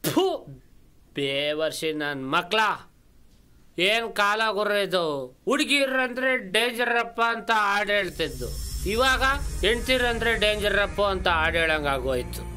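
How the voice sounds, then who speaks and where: An actor playing a furious, betrayed husband who hurls crude insults and threats, with a Kannada accent. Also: male voice, sits high, animated, takes it slowly, a little hiss or hum, full character voice. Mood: ranting. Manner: abusive, shouting insults. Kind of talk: comedy web series acting.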